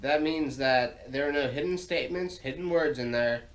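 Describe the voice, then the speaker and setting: A man's voice: mid-range voice, normal speed, low-quality recording. An American man hosting a solo podcast from his garage, talking in an informal, folksy, rambling way while recovering from sinus surgery with throat trouble. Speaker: podcast host. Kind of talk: casual solo podcast monologue. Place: home garage.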